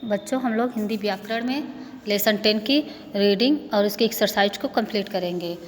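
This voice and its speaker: A woman teaching a primary-school grammar lesson, patiently repeating each word slowly for young pupils. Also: mid-range voice. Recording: echoey room with faint background noise.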